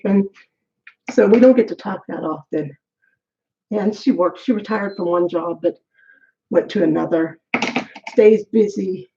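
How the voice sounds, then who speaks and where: A middle-aged woman with a gravelly, mellow, medium-pitched voice vlogs while braiding her hair, chatting in a candid, rambling way to herself and short of breath. The recording is muffled.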